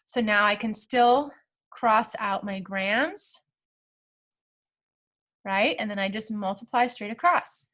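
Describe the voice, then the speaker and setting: Unhurried woman teaching a math lesson. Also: medium pitch, fairly bright tone. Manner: talks through steps aloud, checking in with okay. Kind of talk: screen-recorded math lesson.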